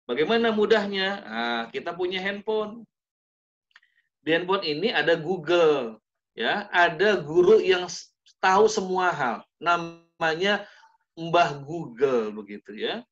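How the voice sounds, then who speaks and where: A man, an Islamic preacher, giving a lively parenting talk over a video call and sometimes acting out parents and children. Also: a little high. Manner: animated, acts out parent-child dialogues in changing voices. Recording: dull lo-fi video call audio.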